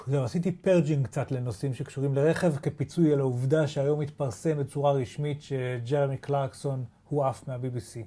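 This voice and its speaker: A man's voice: mid-range voice, fairly even intonation, few pauses, dark tone. A man with an Israeli accent co-hosting a casual tech news chat in an informal, slangy way. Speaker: podcast co-host.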